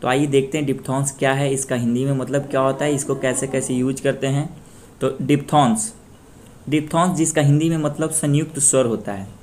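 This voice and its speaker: A young man from Bihar, India, teaching a Spanish pronunciation lesson, explaining rules plainly and repeating example words loudly with stressed syllables. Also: mid-range voice, steady tone, fairly quick, slight background noise. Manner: plain explanatory tone, mixes English terms into speech. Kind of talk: slow screen-share language lesson.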